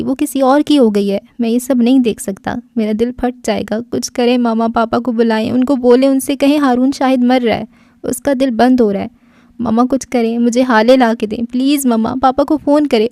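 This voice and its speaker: A woman voicing a fragile, volatile young man who is crying, pleading and shouting in despair. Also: fairly high pitch, dry recording, clean studio sound, close to an everyday voice. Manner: sobbing, pleading, frantic.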